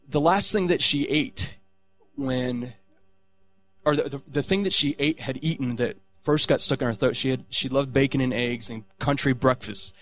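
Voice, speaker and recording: A man sharing a personal faith testimony, rambling, with many restarts and fillers. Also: mid-range voice.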